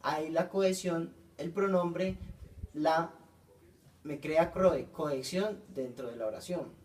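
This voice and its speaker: Halting man presenting a lesson. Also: fairly high pitch, darkish tone, recorded from a distance. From Colombia. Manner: halting, frequent self-corrections. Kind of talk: reading out a class presentation.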